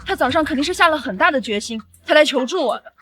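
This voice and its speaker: A firm, fast-talking female lawyer. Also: high-pitched, expressive, bright, forceful tone, slight background noise. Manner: firm, earnest. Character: principled young female lawyer, sharp-tongued. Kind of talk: short drama acting.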